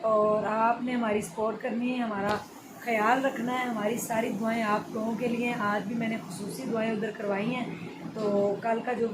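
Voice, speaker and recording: A woman's voice: fairly high pitch, little pitch movement, moderate pace, very noisy. A woman, vlogging casually and pleadingly from a small bedroom at night. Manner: soothing, pleading, says inshallah often. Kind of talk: casual vlog.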